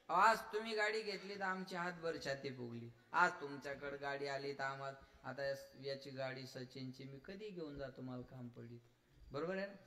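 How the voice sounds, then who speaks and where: A man with a rural Vidarbha Marathi accent delivering a devotional kirtan sermon, telling stories, acting out voices and urging his listeners. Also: sits high. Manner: animated storytelling, acts out voices, exhorts audience. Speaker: kirtan preacher.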